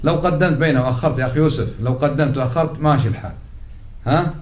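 A man leads a religious class, explaining step by step. He repeats key words and asks his listeners questions as he goes. His voice sits at an ordinary pitch and rings in a roomy, echoey space. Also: rapid-fire, a little mellow. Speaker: religious teacher. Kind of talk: religious lesson to a gathered class.

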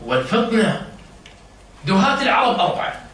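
Very animated, a high, bright-voiced religious teacher leads an informal lesson for a seated circle, breaking off to quiz his listeners and explain each word. He is heard from afar in a highly reverberant room, over a faint hiss of noise.

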